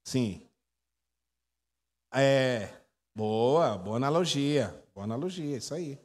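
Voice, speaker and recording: Here a fortyish Brazilian pastor takes it slowly, his mid-range voice carrying a Brazilian Portuguese accent. He tells stories and quizzes his listeners in a chatty teaching sermon, and the echoey church hall colors the recording.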